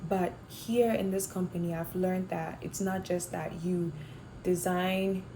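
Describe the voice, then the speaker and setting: A woman's voice: lowish voice, fairly even intonation, unhurried, gravelly, noisy background. A young woman from Ghana, a fashion design student, answering interview questions thoughtfully with some fillers and restarts. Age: young adult.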